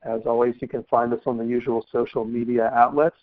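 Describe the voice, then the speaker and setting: A man's voice: medium pitch, little pitch movement, brisk, no room sound. A man co-hosting a legal podcast, talking in a loose, rambling, jokey way. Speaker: podcast co-host. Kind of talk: casual legal podcast chat. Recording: dry tinny phone-like line.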